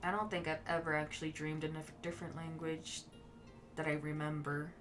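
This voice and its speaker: A streamer whose first language is Mandarin chats casually with viewers while playing a game, musing in a relaxed way. She has a deep voice and a brisk pace, with game music in the background.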